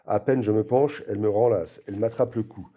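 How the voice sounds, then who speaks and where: A man giving an expressive literary reading aloud and acting out the quoted lines. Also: lowish voice, fairly quick. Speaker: reader.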